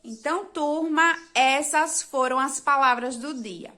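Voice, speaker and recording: A woman teacher from Brazil giving a remote lesson to young children, talking to the class directly and counting out letters and syllables slowly and clearly. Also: high voice, sharp tone. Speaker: primary school teacher. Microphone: video lesson recording.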